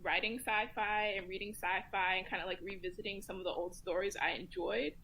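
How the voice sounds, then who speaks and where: A woman joins a relaxed round-table discussion as a guest commentator, chatting briskly with many ums and likes. Her voice is medium-pitched, and the rough recording carries slight background noise.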